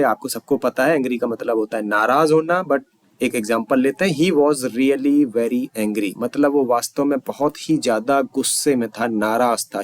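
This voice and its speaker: A man with an Indian accent teaching English vocabulary, saying example sentences slowly and clearly, then explaining more quickly. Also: medium pitch. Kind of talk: Hindi-English vocabulary lesson.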